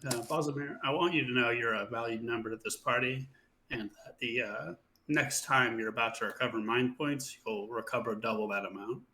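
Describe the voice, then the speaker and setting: A man's voice: medium pitch, a little fast, pushed and bright, a little hiss or hum, rough recording. A man playing a tabletop role-playing game in character, talking loosely and casually, often laughing. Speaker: player.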